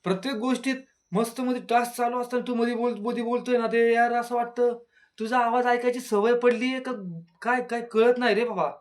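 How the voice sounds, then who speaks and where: Male reviewer, higher-pitched voice, playful casual delivery with singsong filler words; addresses the show's cast directly. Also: flat delivery, brisk. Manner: playful and chatty, with jingly rhyming filler words; talks straight to the contestants. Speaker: YouTube reality show reviewer.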